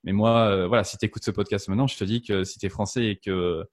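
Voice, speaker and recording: A man's voice: lowish voice, fairly even intonation, fast. A man in his thirties, a podcast guest talking casually with many fillers and restarts. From France. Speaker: podcast guest, marketing strategist. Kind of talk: casual interview chat.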